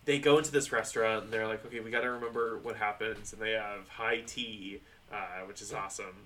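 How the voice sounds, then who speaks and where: A man's voice: on the low side, steady tone, a little fast, bright, forceful tone, recorded from a distance. A man co-hosting a podcast, chatting loosely about a book and swearing freely. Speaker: podcast co-host. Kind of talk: casual book discussion.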